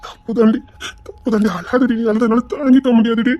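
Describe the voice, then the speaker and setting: A woman's voice: on the high side, fairly even intonation, dark tone, natural voice. A woman playing a remorseful young husband. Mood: soothing. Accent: Tirunelveli Tamil. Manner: pleading, repeats apologies rapidly. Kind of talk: amateur web-series drama acting.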